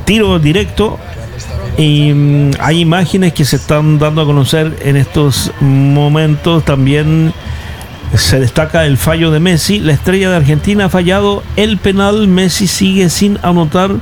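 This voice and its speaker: A man's voice: fairly high pitch, steady tone, a little slow, a little hiss or hum. A man hosting a live radio show, chatty, reading out press comments and interviewing callers. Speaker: radio host.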